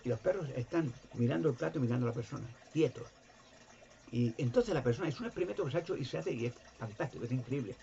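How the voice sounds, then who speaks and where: A man giving an impassioned religious monologue, animated, acting out voices and sounds. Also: fast talker, creaky. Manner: animated, jumps in pitch to act out voices and sounds. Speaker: video presenter. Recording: dull lo-fi recording.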